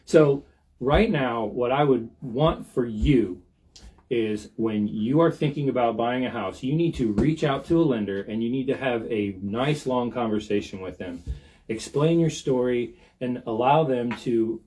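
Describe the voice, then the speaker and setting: A man's voice: mid-range voice, a little slow, a little mellow, rough recording. A man with an American accent co-hosting a show as a lender, giving conversational, folksy advice to viewers. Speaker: show co-host and mortgage lender.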